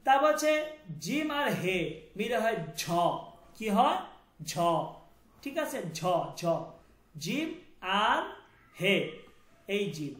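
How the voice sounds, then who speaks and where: A man's voice: very high voice, sing-song, slow pace, long pauses, a bit bright, roomy sound. A man teaching a language class, repeating each sound and asking students to confirm.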